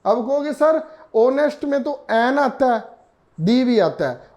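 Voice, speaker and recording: A male teacher, explaining a reasoning lesson slowly, repeating himself and asking and answering his own questions. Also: very high-pitched, animated, a little mellow.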